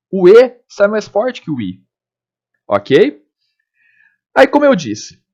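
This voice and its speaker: A man with a Brazilian Portuguese accent teaching a grammar lesson, explaining step by step and often checking with the class. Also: fairly high pitch. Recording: dull lo-fi lesson recording.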